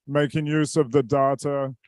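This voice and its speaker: A man's voice: medium pitch, level tone, normal speed, a little mellow, clear, resonant tone, no echo. A man moderating a panel discussion at a busy conference pavilion, casual, with many fillers.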